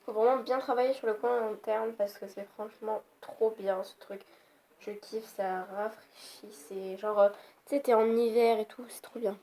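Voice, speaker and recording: A woman's voice: mid-range voice, steady tone, moderate pace, warm tone. A young woman giving a casual, rambling makeup tutorial at home, easily annoyed. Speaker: beauty vlogger. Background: faint noise of passing cars.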